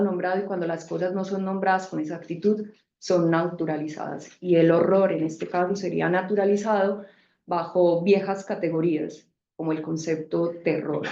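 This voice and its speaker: Low-voiced woman answering in a seminar. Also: creaky, dark tone. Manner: measured, explanatory. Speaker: seminar speaker. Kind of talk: academic reply in a debate. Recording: echoey room, dull sound.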